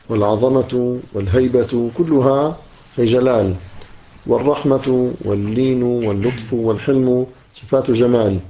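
A man teaching a religious text, explaining each line and repeating key words, often closing a point with "yes.". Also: medium pitch. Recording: dull lo-fi recording.

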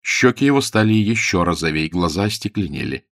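A man narrating an audiobook with expressive storytelling. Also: sits low, fairly quick, no room sound, studio quality.

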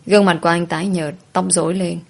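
Low-voiced woman narrating a sad story. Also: little pitch movement, fast, vocal fry. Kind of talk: scripted first-person audio story narration.

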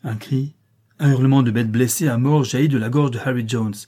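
Dark, husky male audiobook narrator. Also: medium pitch, fairly quick. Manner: expressive, dramatic phrasing. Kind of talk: dramatic novel reading.

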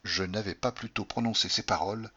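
A man's voice: fairly low pitch, brisk, sharp tone, slightly rough, muffled recording. Man narrating a classic novel. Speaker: audiobook narrator. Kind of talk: literary audiobook narration.

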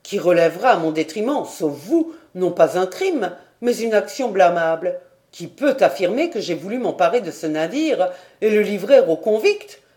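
A woman's voice: mid-range voice, big pitch swings, a little slow, few pauses, mellow. A woman reading a defiant stubborn sailor. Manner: defiant, insistent questioning. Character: defiant male quartermaster, hard and stubborn. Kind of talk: audiobook character reading.

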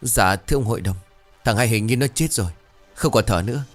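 A man's voice: fairly low pitch, a little fast, soft background music, close to an everyday voice. A man voicing an obedient male servant, speaking deferentially. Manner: deferential, subservient.

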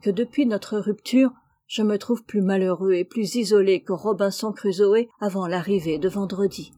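A shy, proud teenage boy opening up about being lonely, read by a woman in a mellow, soft voice. he sounds earnest and a bit sheepish, like a storybook hero who hates being teased. the voice is husky and warm rather than bright. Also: mid-range voice, steady tone, moderate pace, natural voice. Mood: confiding.

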